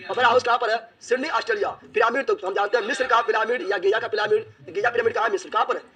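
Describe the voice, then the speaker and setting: A man's voice: sits high, steady tone, rapid-fire, bright, forceful tone. A man teaching an exam-prep lesson, asking questions and answering them himself, repeating each answer as a drill.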